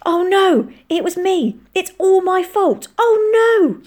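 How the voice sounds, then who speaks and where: A woman voicing an excitable young boy who is eager and easily frightened, talking in breathless exclamations. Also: medium pitch, moderate pace, lightly acted. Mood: distraught.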